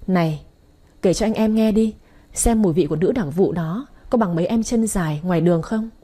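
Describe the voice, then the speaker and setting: A man's voice: high voice, a little fast, warm tone. Woman reading as a crude, mocking gang boss. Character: swaggering male prison gang boss.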